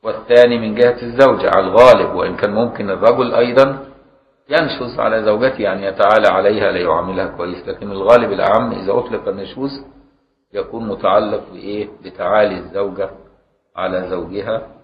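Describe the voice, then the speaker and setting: Deep-voiced Egyptian scholar lecturing. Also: male voice, fairly even intonation, fast talker. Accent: Egyptian Arabic. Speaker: religious scholar teaching a book. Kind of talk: classroom lecture on Islamic law. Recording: roomy, dull lo-fi lecture recording.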